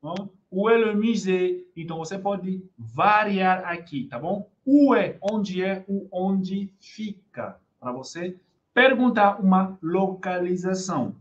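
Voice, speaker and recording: A woman's voice: mid-range voice, animated, slow pace, muffled recording. A Brazilian woman with a Brazilian Portuguese accent, teaching an online French lesson. She repeats each phrase patiently and keeps checking in with her students.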